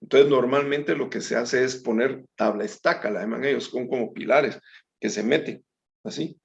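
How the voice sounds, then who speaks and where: This man's voice is mid-pitched and creaky, with a moderate pace. Teaching a Bible study conversationally, he calls those listening brethren and reads passages of scripture aloud, stumbling slightly here and there. The audio has a dull, lo-fi quality.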